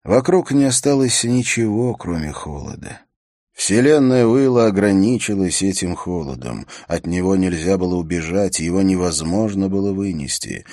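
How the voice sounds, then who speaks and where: A man reading an adventure novel aloud as an audiobook narrator, in a measured, steady storytelling manner. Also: low voice, dry recording, studio quality.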